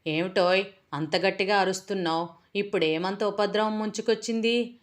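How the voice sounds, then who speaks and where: Storybook husband: lazy, easygoing young man, relaxed teasing replies, read by a woman. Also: medium pitch, moderate pace, lightly acted.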